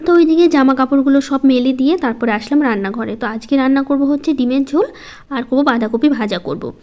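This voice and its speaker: A woman narrating her home vlog in a slow, soft-spoken, halting way. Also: high voice, lo-fi sound. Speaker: home vlogger. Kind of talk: casual voice-over vlog.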